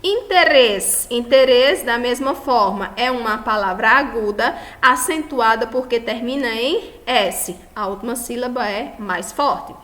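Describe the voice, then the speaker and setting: A woman's voice: fairly high pitch, unhurried, hardly any pauses. A Brazilian woman, a Spanish teacher, giving a recorded lesson, checking in with her students and stressing each example word. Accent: Brazilian Portuguese. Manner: affectionate, checks in often with the class; stresses example words loudly.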